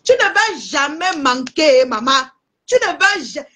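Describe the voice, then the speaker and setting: A young Cameroonian woman with a Cameroonian French accent, selling goods on a live stream and chatting warmly to her viewers. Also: high-pitched, measured pace. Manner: lively, addresses viewers as aunties. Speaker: live seller. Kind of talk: casual live-stream sales chat.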